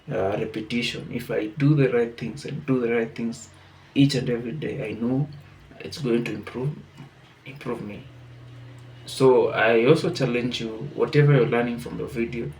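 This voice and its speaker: Man, channel host, gravelly voice, earnest and motivational, halting restarts. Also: mid-range voice, a little mellow. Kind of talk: casual reflective monologue.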